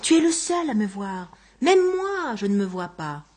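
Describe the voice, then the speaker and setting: A woman voicing a calm, mocking man in a read-aloud novel, teasing and unhurried. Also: mid-range voice, breathy edge.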